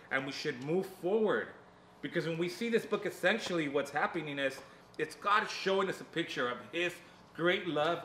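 Bright-voiced male pastor in echoey room. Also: a little high, slight background noise. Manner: earnest, conversational preaching with rhetorical repetition. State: talking around a cough drop. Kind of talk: sermon recap to a congregation.

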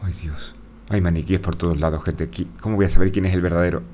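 A man's voice: low-pitched, steady tone, fast, mellow, a little hiss or hum. A man with a Spain Spanish accent giving live commentary while playing a horror game, talking to himself, jumpy and swearing often. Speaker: gaming streamer.

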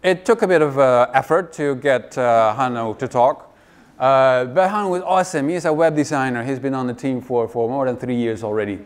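A middle-aged man giving a wry, joking conference keynote in a large hall, speaking into a headset mic. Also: mid-range voice. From Netherlands. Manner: wry, joking, lively presenter.

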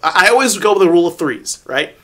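A man in his forties co-hosting a podcast, loud and emphatic, swearing and laughing in casual chat. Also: high-pitched, lively intonation, quick pace. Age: 40s. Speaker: podcast co-host.

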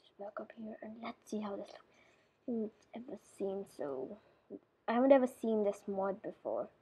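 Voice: mid-range voice, moderate pace, dark tone, slightly rough, low-quality recording. A person giving casual, rambling commentary over a game tutorial, often dropping into mumbles and whispers and correcting themselves. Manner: loose and chatty, with many fillers and self-corrections. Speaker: gameplay tutorial maker.

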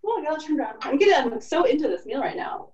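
A woman's voice: sits high, sing-song, very fast, darkish tone, distant mic, muffled recording. A woman giving a casual cooking demonstration in her home kitchen, chatty and full of fillers. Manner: chatty, lots of fillers like "like" and "kinda". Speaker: cooking instructor. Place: home kitchen in an old apartment. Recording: echoey room, voice off-mic.

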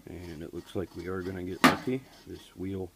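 A man explaining a furnace repair while he works, his voice low and unhurried with little rise and fall. He talks in a practical, matter-of-fact way, full of little fillers. The handheld camera audio carries a clear layer of noise behind him. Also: little pitch movement. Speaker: HVAC technician. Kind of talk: hands-on repair tutorial. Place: basement furnace area and workshop floor. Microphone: camera held by the speaker while working.

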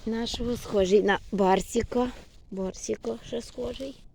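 Woman cat owner, unhurried cooing pet talk, slightly gravelly, phone-recorded outside. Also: fairly high pitch, fairly even intonation, mellow, a little hiss or hum. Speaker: cat owner filming her cats. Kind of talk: casual vlog, baby talk to pets. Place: outdoors in a snowy yard by a house.

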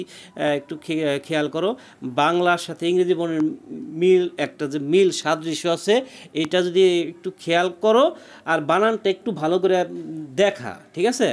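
A man, teaching a spelling lesson. He is patient and explains letter by letter, often checking that the listener follows. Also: high voice.

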